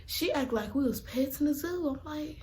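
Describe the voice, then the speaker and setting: Animated young woman telling a story. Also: high voice, moderate pace. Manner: animated, laughing, dramatic whispered asides. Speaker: vlogger. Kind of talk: casual storytime.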